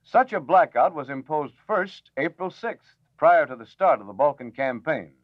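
A man reading a formal radio news bulletin in a measured announcer manner, heard as an old newsreel-style broadcast. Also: fairly high pitch, lively intonation, no echo. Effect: old newsreel-style broadcast sound. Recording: dull lo-fi old radio recording, dry.

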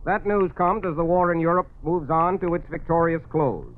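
Male commentator from an old 1940s radio broadcast, slightly high voice, narrow tinny sound, solemn and measured. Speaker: news commentator.

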